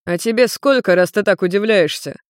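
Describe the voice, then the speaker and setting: A woman's voice: mid-range voice, a little fast, no echo, studio quality, lightly acted. A woman voicing a carefree, joking male demon who is centuries old, in a storybook reading. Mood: breezy. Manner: breezy, joking, scatterbrained.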